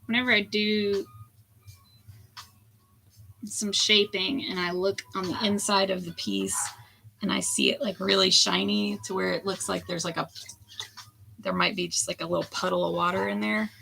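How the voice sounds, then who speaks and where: A hoarse woman in her forties, a potter chatting candidly while she throws clay at the wheel. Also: medium pitch, moderate pace, long pauses, sharp tone, slight background noise. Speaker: potter streaming a throwing session. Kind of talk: casual chat while working. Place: pottery studio with lo-fi music on.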